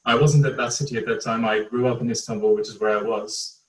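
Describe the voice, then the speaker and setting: A man's voice: medium pitch, fairly even intonation, fast. Hesitant man on a roomy, distant call. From Turkey. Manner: hesitant, many fillers and restarts. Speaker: engineer, panel speaker. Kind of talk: online presentation. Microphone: video call.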